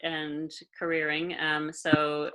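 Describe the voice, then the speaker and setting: A woman's voice: low-pitched, monotone, slow pace, fairly bright tone, slight background noise, poor audio. A woman with a Maritime Canadian accent, chatting casually as an interview guest. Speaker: interview guest, emergency doctor and musician.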